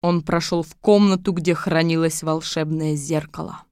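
A woman narrating a fairy tale audiobook in a calm, even storytelling manner. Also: deep voice, moderate pace, clear, resonant tone, dry recording, studio quality.

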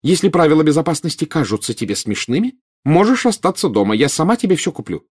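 A man's voice: mid-range voice, expressive, quick pace, darkish tone, dry recording, clean studio sound, lightly acted. A man voicing a stern, anxious wizard mother who scolds her son. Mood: scolding. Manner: scolding, clipped.

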